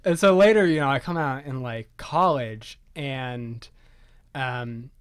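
A young man from Maryland chats as a podcast guest, leaning on "like" fillers and wry self-deprecating jokes. His voice is mid-pitched and recorded close and dry, with no room sound around it. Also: takes it slowly, clean tone, no echo. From Maryland, USA. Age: 20s. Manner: chatty, many "like" fillers, self-deprecating humor. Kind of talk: casual conversational storytelling.

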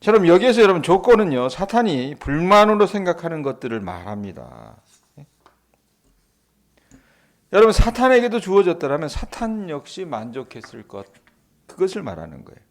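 Brief: male pastor, animated dawn sermon, fairly high voice with wide swings, keeps putting questions to the listeners. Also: normal speed. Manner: animated, asks the congregation rhetorical questions; acts out the Bible dialogue in quoted voices. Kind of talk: early-morning sermon.

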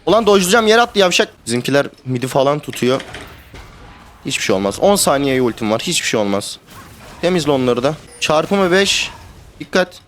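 A young man streaming a video game, talking to his teammates in casual live commentary that swings between calm planning and excited shouting and swearing. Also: mid-range voice, moderate pace, a little hiss or hum. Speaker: gamer streamer.

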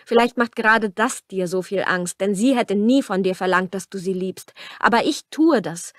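A woman's voice: medium pitch, normal speed, no echo, studio quality, natural voice. A woman reading a romance audiobook aloud and voicing a passionate young wife, her delivery pleading and emphatic.

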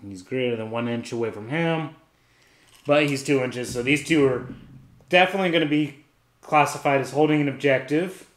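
A man with a mid-range voice and moderate pace casually narrates a solo tabletop wargame in an echoey room. He gives a play-by-play of each dice roll step by step, thinking aloud as he goes.

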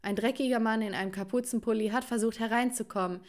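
A woman doing a shrill paranoid cartoon mother. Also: steady tone, fast, lightly acted. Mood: frantic. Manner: shrill and frantic, shouting. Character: paranoid shrieking mother, middle-aged woman. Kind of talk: animated story dub.

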